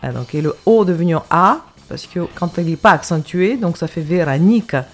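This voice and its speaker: A half Russian, half French woman with a fairly low voice, guesting on a radio show. She explains things patiently and hesitates often, with faint music under the studio talk. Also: lively intonation, brisk. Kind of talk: casual radio interview.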